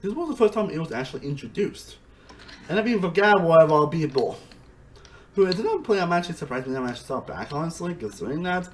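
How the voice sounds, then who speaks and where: A man giving a casual, rambling review monologue, excitable, with frequent restarts and swearing. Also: a little high, fast, a little hiss or hum, poor audio. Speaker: reality TV reviewer.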